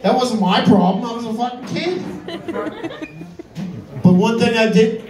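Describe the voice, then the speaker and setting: A man's voice: extremely high pitch, measured pace. A man performing an amateur stand-up comedy set in a conversational, profane, exasperated way. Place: live comedy venue with audience. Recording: echoey room, distant mic, audience laughter. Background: crowd laughter.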